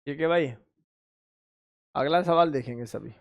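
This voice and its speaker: A man prepares students for a chemistry exam, calling them beta and bhai, counting positions aloud in a drilling rhythm and answering his own questions. His voice is on the high side and creaky, with a measured pace.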